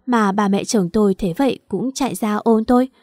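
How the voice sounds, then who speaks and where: A woman narrating a first-person family drama story in an even reading voice. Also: medium pitch, fairly quick, no room sound, clean studio sound.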